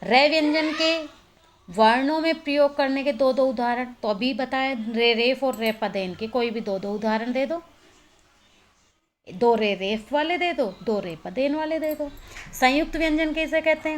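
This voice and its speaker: A woman teacher with a slightly high voice talks through a grammar lesson. She explains point by point, often checks in with a quick question, then answers it herself. It sounds like a phone voice recording. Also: slight background noise. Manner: explains step by step, asks and answers own questions, frequent "है ना".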